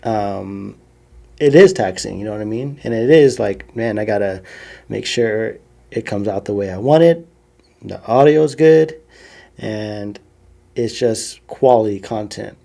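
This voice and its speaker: Low gravelly podcast host. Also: male voice, measured pace. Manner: relaxed, trails off softly at phrase ends. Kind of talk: casual interview chat.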